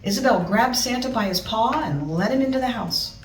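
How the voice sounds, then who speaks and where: A woman's voice: a little high, expressive, a little fast. A woman reading a children's storybook aloud expressively, with chatty asides to her listeners. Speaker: storybook reader. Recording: roomy, distant mic, music behind.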